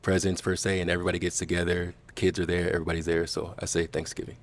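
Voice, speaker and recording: A man's voice: deep voice, little pitch movement, racing. A man on a dating show talking in a laid-back, rambling way, full of "you know" and "um". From grew up in the Valley, born in Illinois. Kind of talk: casual dating show conversation.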